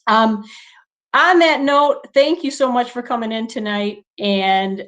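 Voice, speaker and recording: A woman's voice: fairly high pitch, slow. A woman instructional coach leading an online meeting, telling a story in a chatty way and acting out the people she quotes. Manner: chatty, animated when quoting people. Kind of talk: casual storytelling to a video meeting.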